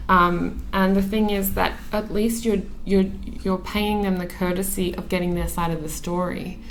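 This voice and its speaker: An Australian magazine editor in her thirties appears as a guest on a podcast, in a relaxed conversational interview. Her mid-range voice is steady and normally paced, earnest and thoughtful, with frequent ums and restarts, on a rough recording with slight background noise.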